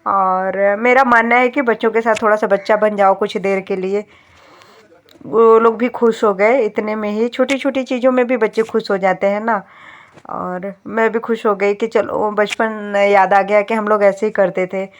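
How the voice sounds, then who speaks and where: A woman's voice: medium pitch, fairly even intonation, normal speed. A woman in her thirties with a sore throat, chatting casually to viewers as she narrates a home vlog. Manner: chatty, addresses viewers as friends. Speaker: vlogger.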